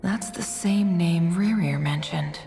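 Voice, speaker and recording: In this game voice-acting clip, a woman speaks slowly in a fairly low, creaky voice, musing to herself as a thoughtful young traveller piecing clues together. It's an inner monologue, pensive and curious, recorded with long reverb over background music.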